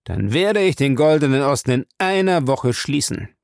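A man reading a hard-pressing police captain in a low, gravelly voice. The questions come blunt and probing, and the recording is dry and close. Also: expressive, moderate pace, dry recording. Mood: stern. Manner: blunt, interrogating.

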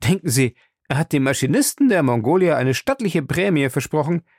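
An excitable young French manservant, as a male reader puts him on, chattering away with pride and ready indignation. The voice sits high and leaps widely in pitch, with a gravelly edge. The audiobook sound is dry and close. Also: a little fast, no echo. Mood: chatty.

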